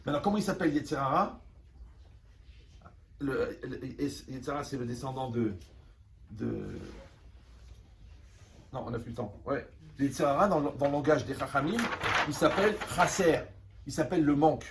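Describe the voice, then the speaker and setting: A man teaching a lively class to teenagers, repeating phrases, asking if the class follows, and acting out little scenes. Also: medium pitch, moderate pace, pauses often. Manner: animated, repeats phrases, asks the class "vous me suivez"; acts out little scenes in quoted voices. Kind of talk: lively spoken lesson to a class. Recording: voice from a distance with faint room noise.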